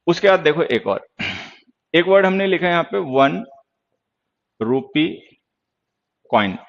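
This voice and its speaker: A man's voice: fairly high pitch, animated, a little slow, highs cut off. A man teaching English grammar in Hindi during an online class, lecturing sternly and answering viewers' questions.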